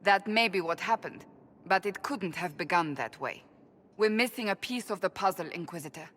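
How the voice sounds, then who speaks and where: A woman's voice: on the low side, expressive, normal speed, fairly bright tone. An actress playing a devout, proud woman warrior who speaks firmly and formally. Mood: resolute. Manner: firm, formal, resolute. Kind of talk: video game voice acting.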